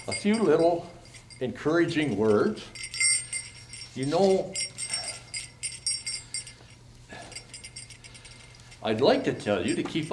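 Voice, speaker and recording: A man's voice: fairly high pitch, noisy background. An older man playing Santa Claus as a jolly, kindly old storyteller, theatrical and grandfatherly as he speaks to children at a live event. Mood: kindly, encouraging. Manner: theatrical, grandfatherly, unhurried phrasing. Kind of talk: storybook poem reading and kindly address to children.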